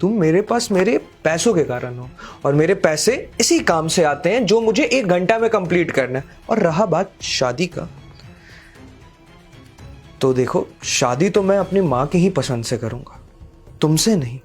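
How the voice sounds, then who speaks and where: A young man acts the part of Sahil, a wealthy, contemptuous boyfriend in a dramatic short film, lecturing scornfully and getting louder in arguments. He speaks in a high, animated voice at a measured pace, with soft music in the background.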